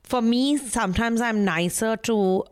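A woman's voice: on the high side, a little slow, smooth. A woman with an Indian accent co-hosting a podcast in casual, conversational style. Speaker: podcast co-host. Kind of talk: casual chat.

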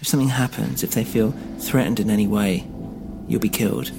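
A man's voice: on the low side, brisk, vocal fry, music in the background. A man voicing a stern, guarded woman with a thick Polish accent who speaks in terse, grave warnings.

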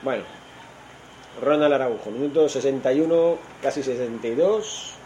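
A man's voice: medium pitch, moderate pace, dark tone, muffled recording, a little hiss or hum. A man with an accent from Spain giving casual, improvised football commentary, opinionated and thinking aloud as he goes. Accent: Spanish from Spain. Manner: informal and opinionated, thinking aloud and correcting himself. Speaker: football commentator on an online radio stream.

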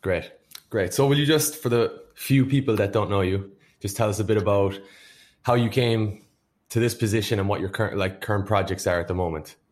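A man's voice: on the low side, a little fast. A man hosting a podcast in a casual, informal and self-deprecating way. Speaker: podcast host. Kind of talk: casual chat.

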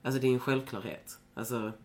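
A woman's voice: rumbling low, fairly even intonation, a little mellow. A young woman in casual chat as a podcast guest, rambling with many fillers and swearing freely.

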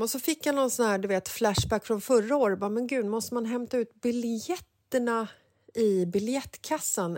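A woman in her forties, a podcast host, telling a personal story in a casual, emotional, animated way. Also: fairly high pitch, no echo, studio quality. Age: 40s.

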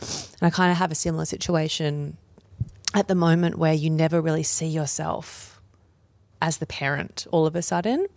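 Gravelly-voiced woman podcast host. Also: sits low, fairly even intonation, normal speed, no echo. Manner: gentle, earnest questioning. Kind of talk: interview.

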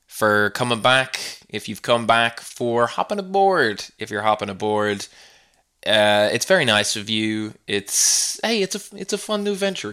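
A man hosting a comedy podcast, reading a scripted monologue in a sardonic, mock-exasperated tone. His voice sits at an average pitch and sounds smooth and resonant. He slips into theatrically apologetic asides. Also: bright, forceful tone.

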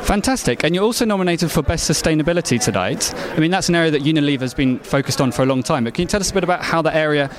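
A man's voice: a little high, expressive, rapid-fire, few pauses. A man asking interview questions on site as a reporter. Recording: busy crowded event, background chatter. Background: crowd noise.

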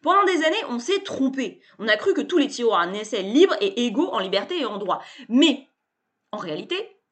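A woman voicing a brash, over-familiar male salesman who makes a loud, gushing pitch in a storybook reading. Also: very animated, moderate pace. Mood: triumphant. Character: brash pushy male salesman, fast-talking schemer.

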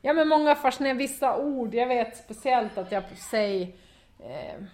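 A woman's voice: on the high side, animated, a little mellow. A young woman with a broad Västerbotten dialect, answering interview questions casually and with lots of hesitations. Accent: Västerbotten Swedish dialect. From Skellefteå area, northern Sweden. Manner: hesitant, many fillers, laughs often. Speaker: football pundit, former player.

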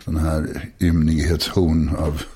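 A man in his sixties talking frankly and confessionally, halting often and restarting his sentences. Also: rumbling low, flat delivery, dark tone, breathy edge. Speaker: guest. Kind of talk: candid personal conversation.

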